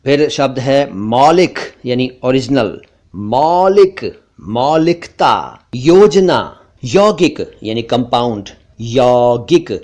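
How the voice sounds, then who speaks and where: Man, pronunciation teacher, slow measured drilling, repeats words to contrast. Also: medium pitch, expressive, a little mellow. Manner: slow, deliberate word-by-word drilling, contrasting wrong and right forms. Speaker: language teacher. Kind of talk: pronunciation lesson.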